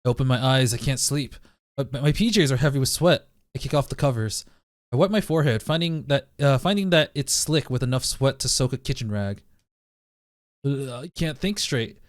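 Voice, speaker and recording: A man's voice: mid-range voice, expressive, fairly quick, no room sound, clean studio sound. A man reading a visual novel aloud as narration, breaking off now and then to joke about it. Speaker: let's play reader.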